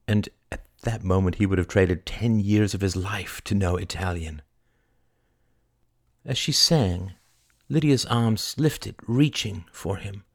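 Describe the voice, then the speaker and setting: A man narrating a historical novel in a measured, lyrical storytelling manner. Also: on the low side, no echo, studio quality. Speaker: audiobook narrator. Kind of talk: scripted narration.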